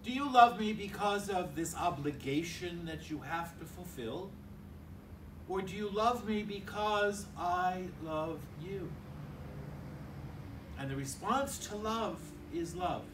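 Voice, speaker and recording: In a large church hall, an older priest at a lectern gives a conversational homily, acting out small dialogues. His voice sits high against a noisy background, picked up by a stand mic and filmed from a distance.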